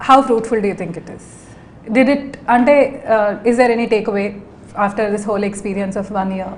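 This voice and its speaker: A woman's voice: mid-range voice, fast talker, darkish tone, slight background noise. A woman with a Telugu Indian accent asking questions in a conversational film interview.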